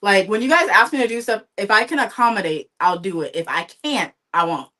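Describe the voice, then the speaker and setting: A woman chatting casually on a livestream while she paints, telling gossip in a lively, animated way. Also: medium pitch, brisk. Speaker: livestream co-host. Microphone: livestream setup.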